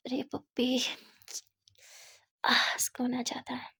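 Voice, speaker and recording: A woman voicing an affectionate, teasing young woman in a read-aloud love story, speaking softly and half-whispered. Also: high voice, completely flat delivery, takes it slowly, creaky, breathy edge, full character voice. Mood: tender.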